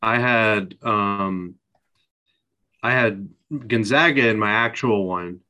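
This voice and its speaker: A man's voice: on the low side, takes it slowly, sharp tone, highs cut off. A man hosting a podcast in a laid-back, easygoing way, laughing along with his guests. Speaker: podcast host. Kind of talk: casual podcast chat.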